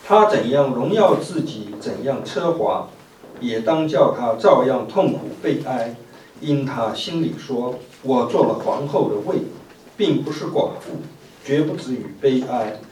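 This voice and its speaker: A man's voice: medium pitch, a little mellow. Man reading scripture in a roomy space. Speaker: scripture reader. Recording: roomy, distant mic with faint noise.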